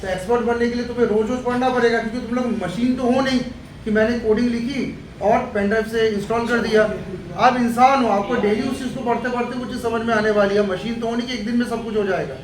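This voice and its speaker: High-voiced Indian man lecturing a class. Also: fairly even intonation, fast, noisy background. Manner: humorous, chatty, addresses students directly. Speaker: computer institute teacher. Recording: echoey classroom, mic far off.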